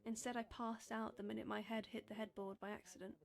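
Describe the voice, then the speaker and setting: A young woman, narrating her own strange story in a nervous, self-deprecating monologue with many halting fillers. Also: fairly high pitch, flat delivery, gravelly. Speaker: narrator and lead character. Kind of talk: first-person dramatic monologue.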